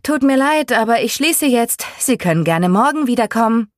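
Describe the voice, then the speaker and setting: A woman voicing a cheerful young female vintage shop owner who calls out in a bright, friendly but firm way from a storybook. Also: a little high, expressive, moderate pace, no room sound, studio quality, voice pushed up, lightly acted. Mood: calling out.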